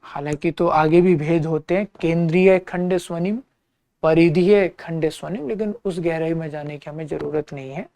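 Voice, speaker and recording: A man's voice: fairly high pitch, fairly even intonation, moderate pace, gravelly, darkish tone. A man teaching an exam-prep lecture, patiently repeating key terms and checking in with his listeners.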